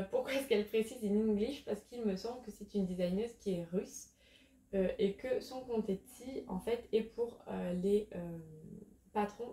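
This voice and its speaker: Chatty woman, warm voice, echoey room. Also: mid-range voice. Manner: chatty, hesitant with frequent fillers. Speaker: crochet YouTuber. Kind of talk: casual chat.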